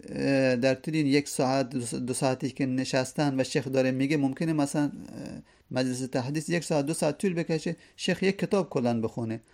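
A man teaching a lesson, who reads classical verses slowly and then explains them at length. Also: mid-range voice, steady tone, darkish tone. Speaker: teacher of hadith studies.

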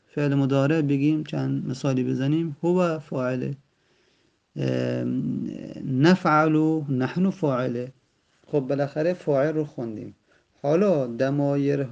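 Gravelly-voiced man teaching grammar patiently. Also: mid-range voice, mellow. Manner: patient, repeats and rephrases terms, addresses the student directly. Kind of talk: explanatory lesson. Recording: dull lo-fi recording.

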